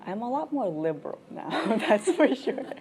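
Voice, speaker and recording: A woman's voice: a little high, sing-song, moderate pace, warm tone, soft background music. A woman in her twenties from Thailand, giving frank, chatty answers as an international student in an interview. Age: 20s. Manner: frank and chatty, with frequent "like" fillers. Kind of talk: candid casual interview answers.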